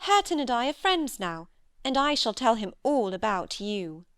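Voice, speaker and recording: A woman's voice: a little high, very animated, moderate pace, a bit bright, clear, resonant tone, dry recording, clean studio sound. A woman voicing a bold, reckless young lady with a defiant, provoking manner in an audiobook.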